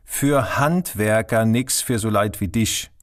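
A man's voice: on the low side, slow pace. A man voicing a stubborn middle-aged craftsman father who speaks in a broad Saarland dialect, blunt and theatrical. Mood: teasing. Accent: Saarland German.

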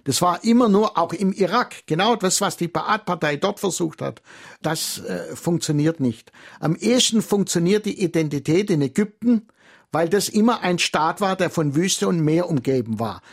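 A man speaking as an expert guest on a radio call-in, explaining in a measured, lecturing way. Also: sits high, expressive, creaky.

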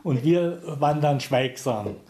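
Man with a mellow voice telling a story. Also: mid-range voice, lively intonation, slow. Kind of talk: spoken anecdote.

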